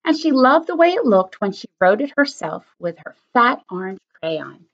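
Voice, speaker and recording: Animated woman reading a picture book. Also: fairly high pitch, normal speed. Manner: expressive, animated read-aloud. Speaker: elementary school teacher. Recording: slightly muffled lo-fi recording.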